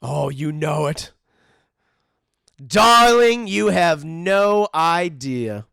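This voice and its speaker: Commenting on a cartoon episode, a male host jokes around and mimics the characters in an animated way. His fairly high voice swings wildly with a gravelly rasp, bright and tense, yet he speaks extremely slowly. The close mic leaves no room sound.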